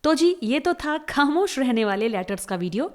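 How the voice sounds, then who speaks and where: A woman teaching a slide lesson, reading out rules slowly and spelling each word letter by letter. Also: high-pitched, sing-song. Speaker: English teacher.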